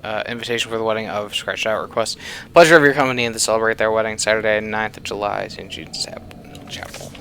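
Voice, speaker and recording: A man giving casual, rambling commentary while playing a horror game, often with fillers and low mutters. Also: steady tone, fast talker, a bit bright, slight background noise. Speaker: game reviewer. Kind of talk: casual let's-play commentary.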